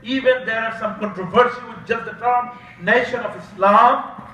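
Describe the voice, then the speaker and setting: A man with a Bangladeshi accent giving a halting banquet speech, with many filler sounds. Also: extremely high pitch, background noise. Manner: halting, many filler uhs, informal grammar. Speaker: guest speaker, Senate candidate. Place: large event hall. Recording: echoey hall, distant dull mic.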